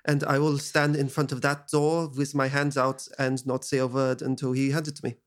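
A man's voice: medium pitch, little pitch movement. A man playing a tabletop game, giving directions and laying out plans. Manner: planning, directive, quick bursts. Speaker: player. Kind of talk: casual chat.

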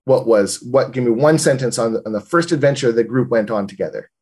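A man's voice: mid-range voice, fairly quick, a little mellow, slightly rough. Man chatting casually about tabletop gaming. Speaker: podcast co-host and game master.

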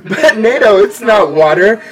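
A podcast host with a playful, animated way of talking who laughs often, with faint music behind. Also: male voice, high voice, measured pace, background noise. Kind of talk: casual podcast chat.

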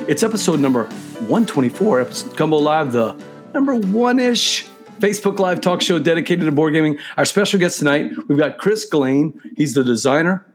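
A man's voice: fairly high pitch, expressive, fairly quick, slightly rough, soft background music. A man hosting a live talk show in a chatty, casual style, speaking straight to his viewers.

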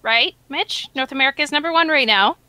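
A woman co-hosting a casual panel podcast, feisty and quick to push back. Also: sits high, bright, forceful tone, dry recording. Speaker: podcast co-host.

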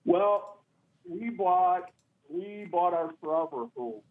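A middle-aged man calling in, holding the phone away from his mouth so he sounds faint and distant, talking haltingly with repeated words. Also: sits high, lively intonation. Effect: phone held away from the mouth, faint and distant. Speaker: caller. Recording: tinny phone line.

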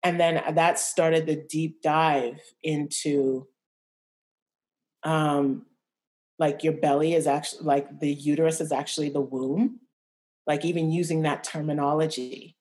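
Podcast guest: young woman, lowish voice, halting and reflective, frequent restarts. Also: fairly even intonation, a little mellow. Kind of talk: candid personal interview.

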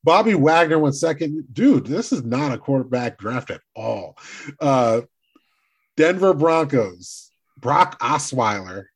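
A man's voice: mid-range voice, very animated, slow, slightly rough. Sports podcast guy, dry teasing tone, reading off draft picks. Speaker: podcast co-host. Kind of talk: casual sports chat.

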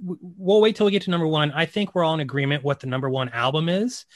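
A man's voice: fairly high pitch, fast, dry recording. A man on a casual podcast chat with a dry, teasing sense of humor. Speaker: podcast co-host.

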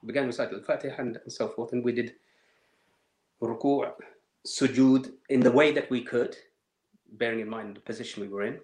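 Softly told, reflective man in an echoey room. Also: mid-range voice, steady tone. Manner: measured, emotional storytelling with many fillers. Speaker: interview guest. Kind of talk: personal testimony in an interview.

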